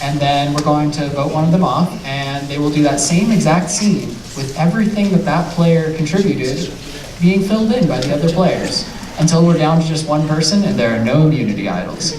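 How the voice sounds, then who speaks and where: A man's voice: a little high, a little fast. A man hosting a live comedy improv show and judging the players, picked up from a distance in an echoey room. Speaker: improv show host and judge. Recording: echoey room, distant mic, loud audience.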